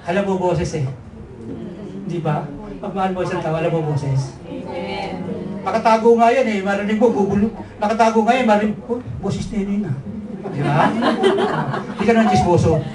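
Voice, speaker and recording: A man's voice: sits high, moderate pace, long pauses, over a noisy crowd. A male pastor with a Filipino accent preaching a sermon, telling stories and asking the congregation questions. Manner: storytelling, asks the congregation questions. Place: church hall with a congregation. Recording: echoey hall, distant mic, audible congregation.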